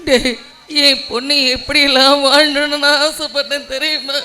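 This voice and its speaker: A woman plays a heartbroken middle-aged mother in a melodrama, wailing and lamenting. Her voice sits very high and sounds sharply bright. Soft music plays behind her. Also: flat delivery, moderate pace. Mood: grieving.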